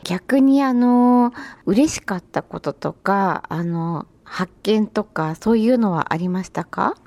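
A woman's voice: medium pitch, takes it slowly, a little mellow, no echo. A woman hosting a radio interview show, formal, courteous and encouraging as she asks her guest questions. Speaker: radio host.

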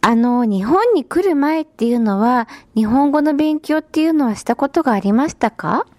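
A woman's voice: high-pitched, lively intonation, moderate pace, a little mellow, no room sound. A woman hosting a radio interview show, formal, courteous and encouraging as she asks her guest questions. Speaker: radio host.

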